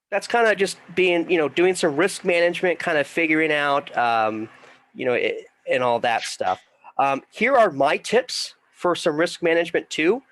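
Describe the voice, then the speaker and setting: A man's voice: fairly high pitch, a bit bright, no room sound. A middle-aged man talks through a casual online investing lesson. He sounds congested and rambles, full of fillers and restarts. His voice is close and dry. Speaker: investing class teacher. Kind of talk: casual online class talk.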